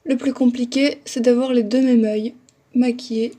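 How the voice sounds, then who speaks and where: A woman's voice: on the high side, steady tone, moderate pace, dark tone. A young woman chatting casually through a makeup tutorial, talking as she works and making fun of herself. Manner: chatty, self-deprecating, talks while working. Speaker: makeup vlogger.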